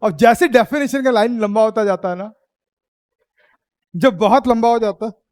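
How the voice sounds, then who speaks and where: Male physics teacher, high voice, playful, prods students to answer. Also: moderate pace, a little mellow, no room sound. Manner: teasing, quizzing students, laughs often. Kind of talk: classroom lecture. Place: classroom.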